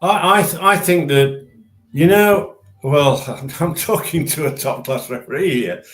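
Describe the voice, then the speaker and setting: Over a video call, a former referee hosts a casual chat, his voice fairly high, bright and unhurried, with soft music in the background. He speaks emphatically and tends to repeat words as he begins his sentences.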